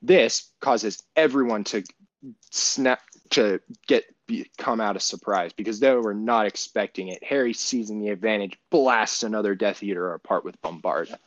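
Low-voiced man rambling through a podcast story. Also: moderate pace, no room sound. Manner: profane, rambling retelling with many restarts. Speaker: podcast co-host. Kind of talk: casual podcast chat.

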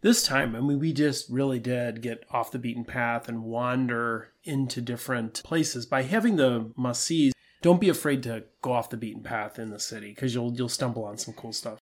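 A man co-hosting a travel podcast, talking in a relaxed, easygoing way and laughing at himself. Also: mid-range voice, moderate pace, few pauses. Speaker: podcast co-host. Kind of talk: casual travel podcast chat.

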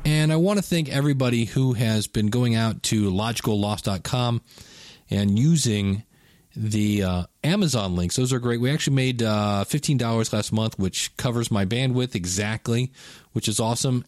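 Here the solo podcast host, a man in his fifties, has a medium-pitched, slightly mellow voice with lively intonation and a moderate pace. He rambles chattily and corrects himself, captured in studio quality with no room sound.

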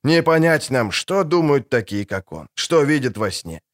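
A man reading an audiobook, voicing a middle-aged merchant who talks in a loud, boisterous way. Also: mid-range voice, sing-song, moderate pace, lightly acted. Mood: subdued. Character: hearty boastful middle-aged male merchant.

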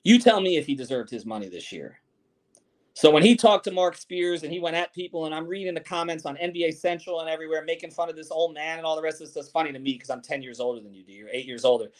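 A man's voice: on the high side, quick pace. A man in his forties hosting a sports podcast. He reads viewer comments and speaks bluntly and emphatically, with some swearing. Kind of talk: live-streamed sports podcast chat.

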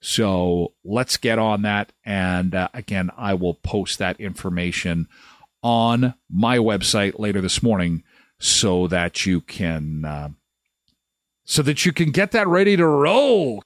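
A man's voice: fairly low pitch, animated, slow pace, no room sound, studio quality. A man hosting a live morning show, joking and rambling with lots of fillers. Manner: jokey, rambling, many fillers. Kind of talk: casual live show chat.

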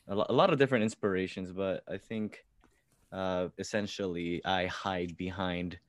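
Man, very low voice, dry close sound, hesitant with lots of fillers, musician being interviewed. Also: fairly even intonation, moderate pace, no room sound. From born in the Philippines, grew up in California. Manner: hesitant, many fillers and restarts. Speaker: musician, songwriter. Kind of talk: casual interview answers.

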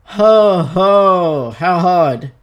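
A man's voice: on the high side, a little slow, highs cut off, lightly acted. A man doing a crude, irritable God. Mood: irritated. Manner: casual, profane, blunt.

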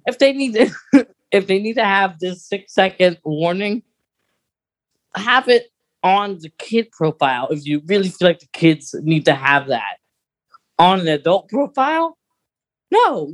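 This co-host's medium-pitched voice is expressive and measured, with frequent pauses. The podcast banter is loose and conversational as the speaker argues emphatically about films and radio plays.

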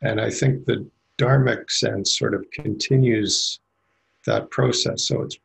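A middle-aged man shares openly into a handheld microphone at a group meeting. His voice is deeply gravelly and raspy, pitched a little low, and he wanders through his thoughts with plenty of fillers and restarts. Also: fairly even intonation, a little slow, low-quality recording. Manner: rambling, candid, many fillers. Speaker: meditation group member. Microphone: handheld mic passed around.

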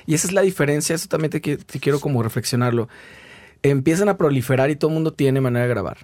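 A man's voice: a little high, fast talker, darkish tone, dry recording. A man hosting a casual interview, reflecting aloud and prompting his guest with questions. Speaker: podcast host.

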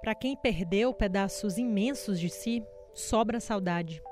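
A woman narrating a news report in a measured, solemn way. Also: mid-range voice, a little mellow, faint music behind.

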